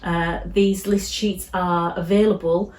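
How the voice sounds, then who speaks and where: Gentle woman vlogging in a roomy space. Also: fairly low pitch, steady tone, takes it slowly. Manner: gentle, reassuring, rambling with restarts. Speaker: illustrator vlogger. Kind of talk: casual vlog talk to camera. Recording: roomy echo.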